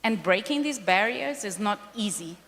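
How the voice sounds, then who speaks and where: Speaking at medium pitch with an animated, fairly bright delivery at normal speed, the Kenyan foundation president makes her case to the panel and repeats key points for weight. Long reverb from a large hall surrounds her words.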